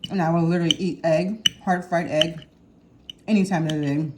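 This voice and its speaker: A woman's voice: fairly low pitch, steady tone, moderate pace, noisy background. A woman vlogger chatting casually to her viewers while eating a meal at home, rambling with hums and small laughs. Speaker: cooking vlogger. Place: home kitchen or dining room with window open.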